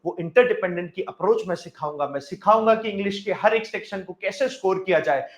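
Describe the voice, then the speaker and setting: A man's voice: high voice, fairly bright tone. A man, a bank exam English teacher giving an emphatic motivational lecture with a story and rhetorical questions. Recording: echoey room.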